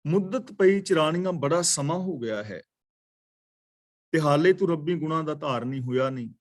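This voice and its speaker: A man in his sixties teaches scripture in a katha class, speaking at a slow, measured pace. His voice sits somewhat high for a man, and he repeats key phrases to explain them. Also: animated. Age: 60s. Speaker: katha preacher. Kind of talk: scripture exposition.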